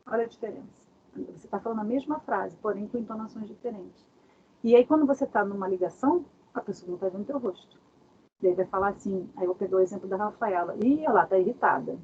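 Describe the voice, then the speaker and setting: Mulher de voz bem rouca em palestra online. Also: female voice, mid-range voice, fast. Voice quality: very husky. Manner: animated, asks many rhetorical questions. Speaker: workshop speaker. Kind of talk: online workshop talk. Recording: dull lo-fi video call audio.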